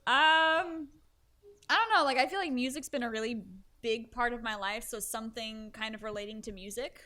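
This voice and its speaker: A woman chatting casually in a group podcast, laughing easily and giving short, relaxed answers. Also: a little high, moderate pace.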